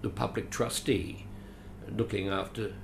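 Here the same veteran Adelaide actor speaks in a lowish, creaky voice, keeping a steady tone at a slightly slow pace. He's a guest in a conversational interview, wandering through memories with dry jokes at his own expense. There's a faint hiss or hum in the audio.

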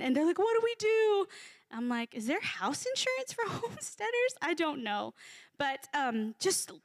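A woman's voice: high-pitched, dry recording, clean studio sound. A woman in her thirties giving a casual, humorous sermon to a congregation, chatty and full of fillers. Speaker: speaker at a church gathering.

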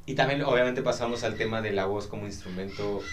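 A man with a Mexican Spanish accent, co-hosting a podcast in casual chat, slangy and animated, with frequent swearing and asides. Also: lowish voice, quick pace, a crowd in the background. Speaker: podcast co-host.

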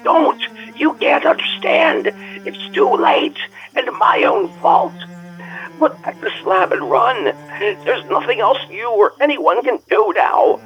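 A man's voice: very high-pitched, flat delivery, takes it slowly, gravelly, bright, forceful tone, soft background music, voice pushed up, full character voice. A shrieking, terrified man on a telephone line. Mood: panicked. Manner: frantic, pleading, near shrieking. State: hoarse with fear. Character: terrified man calling up from a crypt. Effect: voice over a telephone line.

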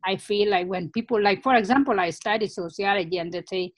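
Interview guest, woman, mid-pitched and reflective. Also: brisk, no room sound. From Africa. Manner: earnest, reflective, many "you know" fillers. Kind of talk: conversational interview.

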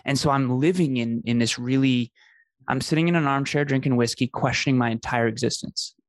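Speaking fairly quickly in a mid-range voice, a man who hosts a podcast shares his own life story as a guest. He's earnest and emphatic, repeating phrases for impact, and the clean studio sound has no room sound.

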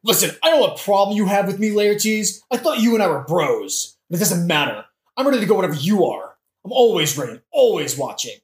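In a modern comedic audio play, a woman voices a sarcastic, melodramatic young prince, smug and sardonic with theatrical delivery. Her mid-range voice, close to everyday speech, swings widely in pitch as she talks fairly quickly with few pauses, and the recording has a roomy echo.

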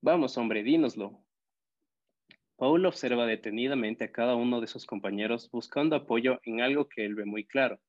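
Male storybook narrator, steady reading, medium pitch, slightly dull recording. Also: brisk, few pauses. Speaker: audiobook narrator.

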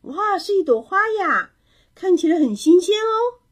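Woman doing a brisk wild boar neighbor. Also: sits high, lively intonation, pitched above the performer's own voice. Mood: cheerful.

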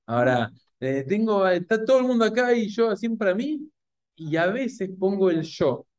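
A man with a Rioplatense Spanish accent giving a Torah class to an audience, animated and full of rhetorical questions. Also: high-pitched, normal speed, dry recording. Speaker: rabbi or Torah teacher.

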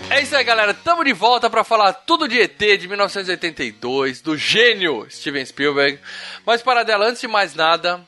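Lively, bright-voiced podcast host. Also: male voice, high voice, brisk, soft background music. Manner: animated, joking. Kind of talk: casual podcast chat.

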